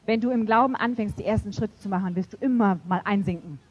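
Husky-voiced woman preaching. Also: mid-range voice, fast talker. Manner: animated storytelling, acting out quoted voices. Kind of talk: sermon. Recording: dull lo-fi recording.

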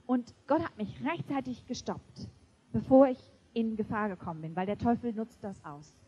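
A woman preaching a sermon to a congregation, emphatic and lively, often laughing. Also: a little high, normal speed, muffled recording, slight background noise. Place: church before a congregation.

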